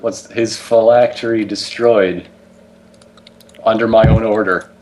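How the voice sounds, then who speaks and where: A man's voice: lowish voice, steady tone, a little slow, a little mellow. A man playing a tabletop game, talking casually as he makes his moves and banters in character.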